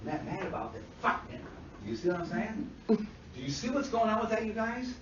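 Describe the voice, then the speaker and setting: A man lecturing counselors in a classroom, animated, swearing freely and checking constantly that students follow. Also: sits high, fairly quick, a little hiss or hum. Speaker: instructor teaching counselors. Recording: dull roomy sound from far off.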